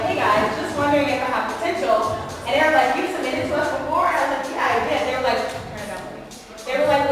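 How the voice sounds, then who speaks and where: A high-voiced young woman talks fast and candidly, dropping quick quoted asides as she speaks to a panel audience. She is picked up from far off in an echoey hall with noise underneath. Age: 20s. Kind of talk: motivational panel talk. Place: large event hall.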